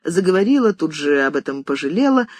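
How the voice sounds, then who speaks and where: Expressive, husky audiobook narrator. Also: mid-range voice, a little fast, no echo. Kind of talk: scripted literary narration.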